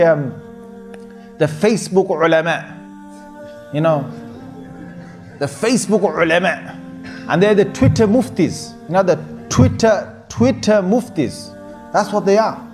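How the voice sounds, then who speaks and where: A man delivers an informal sermon in a rather high voice. He talks earnestly, circles back on his points, and fills gaps with "you know". Soft music plays faintly underneath. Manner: earnest, repetitive exhortation with many fillers. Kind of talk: informal sermon to a young audience.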